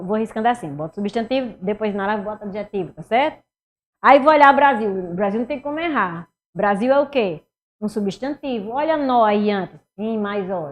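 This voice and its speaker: A woman teaches a Portuguese exam review, posing questions to herself and answering them. Her medium-pitched voice swings between loud and soft.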